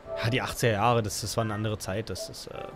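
A man's voice: lowish voice, fairly even intonation, fast talker, music in the background. A man casually commenting on his gameplay as a let's play host, muttering and rambling with many fillers.

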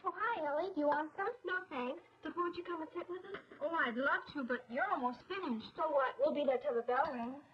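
A young woman with an American accent playing a friendly, eager high school girl in a 1940s instructional film. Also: fairly quick, a little hiss or hum, natural voice. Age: young adult. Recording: dull, lo-fi 1940s film soundtrack.

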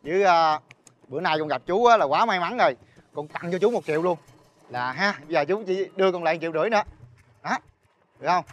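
A young actor with a Southern Vietnamese accent, playing a smooth-talking swindler who coaxes and chuckles his way into a deal. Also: fairly high pitch, animated, fast, long pauses, a bit bright, dull audio. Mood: wheedling. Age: young adult. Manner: persuasive, coaxing, chuckling often. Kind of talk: TV drama acting.

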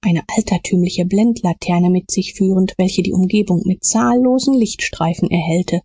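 A woman reading an audiobook as narrator in calm, measured storytelling. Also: lowish voice, husky. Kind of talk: scripted narration.

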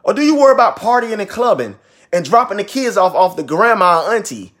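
Young male ministry vlogger, husky and animated, emphatic repeater. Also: sits high, brisk. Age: 20s. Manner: emphatic, repeats phrases for stress. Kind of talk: preachy casual monologue.

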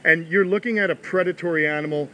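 A man's voice: on the high side, fast, pushed and bright. A man in his thirties talking like an enthusiastic wildlife show host, exclaiming and chatting to live-stream viewers outdoors on a phone. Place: outdoors in a fenced animal yard. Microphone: phone at arm's length.

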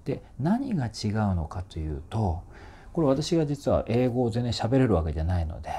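A man's voice: medium pitch, very animated, a little fast, warm tone, slightly rough. A man working as a voice trainer, explaining singing technique in a chatty, informal way and demonstrating vowel sounds.

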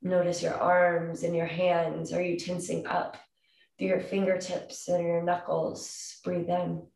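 Slow, calm woman guiding a grounding exercise. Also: on the low side, creaky. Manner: calm, soothing, unhurried instructions with long pauses. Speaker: meditation guide. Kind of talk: calm guided grounding meditation. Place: indoor room with wooden floor and plank wall. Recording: roomy echo, distant microphone.

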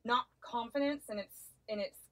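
Female co-host, chatty, quick to chime in with opinions. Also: a little high, fairly bright tone, poor audio. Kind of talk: casual chat.

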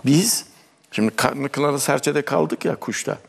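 A man, a talk show guest, telling a childhood fairy tale in an animated way and acting out quoted voices. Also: medium pitch, unhurried, creaky, husky, big-room sound. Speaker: guest storyteller.

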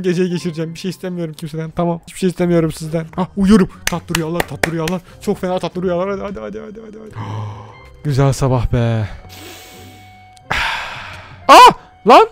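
A man hosting a gaming video with casual play-by-play commentary, excitable, with sudden yelps and frequent asides to his viewers. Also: high-pitched, vocal fry.

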